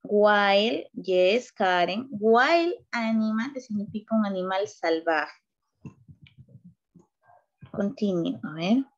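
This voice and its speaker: A woman teacher running an online beginner English class, slow and patient, switching between English and Spanish. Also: medium pitch, highs cut off.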